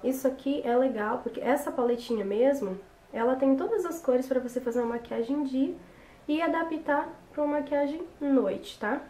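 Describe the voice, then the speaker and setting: Casual tutorial host: young woman, voice hoarse from a cold, recorded in a roomy bedroom with faint noise. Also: sits high, normal speed, warm tone. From Brazil. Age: young adult. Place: small bedroom, indoors. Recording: roomy echo with background noise.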